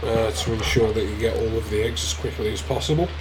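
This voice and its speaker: A man's voice: lowish voice, fairly even intonation, fast, noisy background. A man with a strained, strangled voice from a throat infection, giving casual live commentary as he streams a video game. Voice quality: strained, strangled, congested-sounding. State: unwell with a throat infection, throat-clearing. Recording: distant mic under loud music. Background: loud game music.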